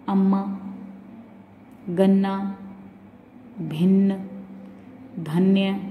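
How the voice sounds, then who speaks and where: Female schoolteacher, mellow and patient, explains step by step for kids; roomy echo, faint hum behind. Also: medium pitch. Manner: patient, explains step by step, says "thik hai" often. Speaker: school teacher. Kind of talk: Hindi grammar lesson for children.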